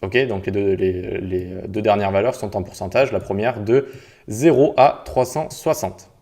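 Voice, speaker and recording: A man's voice: lowish voice, normal speed, dark tone. A man walking viewers through a coding tutorial step by step, in a casual explaining manner with little sound words as he clicks. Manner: casual, explains step by step, peppers speech with 'tac' and 'hop'. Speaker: web development instructor. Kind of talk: screen-recorded coding tutorial.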